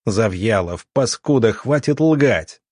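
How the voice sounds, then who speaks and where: A man's voice: mid-range voice, lively intonation, moderate pace, darkish tone, dry recording, clean studio sound, close to an everyday voice. A man doing a furious righteous doctor. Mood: angry. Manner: angry, accusing.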